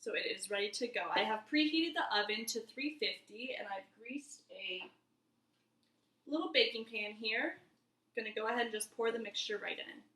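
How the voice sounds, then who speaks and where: A woman's voice: fairly high pitch, expressive, normal speed, sharp tone. A woman in her twenties giving a casual cooking demonstration in her home kitchen, chatty and easygoing as she talks viewers through each step. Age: 20s. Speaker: cooking vlogger. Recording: roomy kitchen echo.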